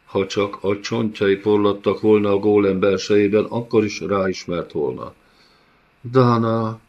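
A man narrating an audiobook in a measured, dramatic way. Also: lowish voice, steady tone, darkish tone. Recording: dull lo-fi audiobook recording.

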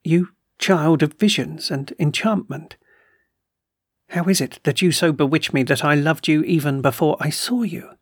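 A man's voice: on the high side, measured pace, slightly rough, no echo, clean studio sound. A man reading the lines of an entranced young man, who whispers them tremblingly. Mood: awed.

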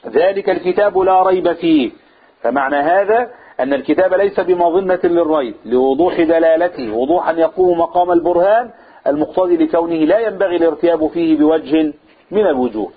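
Speaking briskly in a highish, slightly rough voice, an Egyptian-accented religious teacher gives a lesson in Quran commentary. He asks himself questions and answers them as he explains, and the recording sounds tinny, like a phone.

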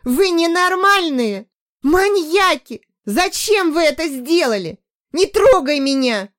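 A woman's voice: mid-range voice, animated, slow pace, a little mellow, no room sound, clean studio sound. A woman reading an audiobook, voicing a terrified young woman held captive who screams and pleads in hysterics. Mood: hysterical screaming. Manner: screaming, sobbing pleas.

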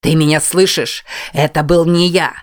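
A woman's voice: deep voice, fairly even intonation, normal speed, close to an everyday voice. Woman voicing an agitated, defensive young man. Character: frantic young man shaking a friend.

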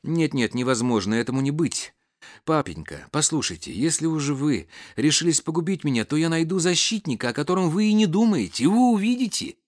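A man's voice: a little high, lively intonation, fairly quick, dry recording, lightly acted. Brief: male reader doing a desperate young noblewoman, tearful pleas, dry close sound. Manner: tearful pleading.

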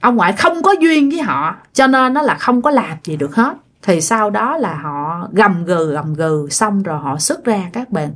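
A woman's voice: medium pitch, sing-song, moderate pace, hardly any pauses. A woman telling a ghost story in a chatty way, often addressing her listeners directly. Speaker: storyteller host. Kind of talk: casual ghost-story narration.

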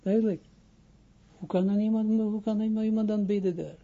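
A rabbi giving an informal spoken lesson, a man who talks haltingly, restarts his phrases and keeps asking whether he is understood. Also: sits high, steady tone, dark tone, highs cut off. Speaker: rabbi teaching Kabbalah.

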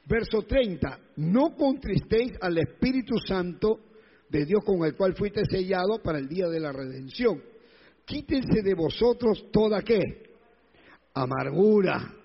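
Un pastor con acento peruano predica con énfasis y repite frases para remarcarlas; su grabación suena apagada y con eco largo de salón. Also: male voice, sits high, expressive, unhurried, breathy edge. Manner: emphatic, repeats phrases, acts out quoted voices. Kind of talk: sermon. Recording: dull lo-fi sound with long hall reverb.

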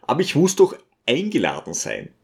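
A man voicing a smooth, scheming male visitor who talks in a coaxing, ingratiating way. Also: medium pitch, huge pitch swings, normal speed, darkish tone.

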